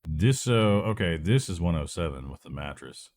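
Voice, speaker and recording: A deep-voiced let's play gamer, expressive and a little mellow, rambles at a moderate pace as he plays a video game. A cold he's recovering from leaves him congested and sounding stuffy and nasal throughout his casual gameplay commentary.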